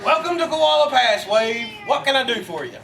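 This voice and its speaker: A man's voice: very high voice, lively intonation, moderate pace, gravelly, exaggerated voice. A man playing a cheerful, teasing Australian outback guide who calls the crowd "mates" in a live church skit. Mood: jolly. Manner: jokey, upbeat, addresses the crowd as mates. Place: large hall with an audience. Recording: roomy distant live recording with audience and noise.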